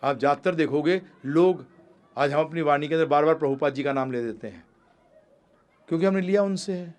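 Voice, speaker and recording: A man giving a spiritual sermon, animated, swinging from emphatic high calls to low quick asides and addressing listeners as "prabhu ji". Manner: ends with devotional sung calls. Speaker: spiritual teacher.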